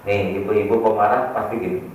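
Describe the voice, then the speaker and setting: A man's voice: on the low side, steady tone, fairly quick, darkish tone. A male preacher, giving a humorous sermon and teasing the audience with questions. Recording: echoey hall, distant mic, faint noise.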